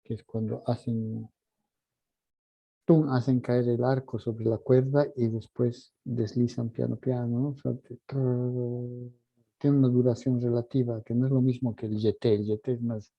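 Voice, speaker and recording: Gravelly-voiced man teaching orchestration. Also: medium pitch, flat delivery, normal speed. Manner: vocalizes musical articulations with syllables. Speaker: composition teacher. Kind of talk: orchestration workshop lesson. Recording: dull lo-fi recording.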